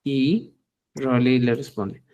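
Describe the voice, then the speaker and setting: A middle-aged man teaching a live Quechua lesson, lively and acting out both sides of short dialogues, often checking with viewers and calling them dear friends. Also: mid-range voice, slow, muffled recording. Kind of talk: live online language lesson.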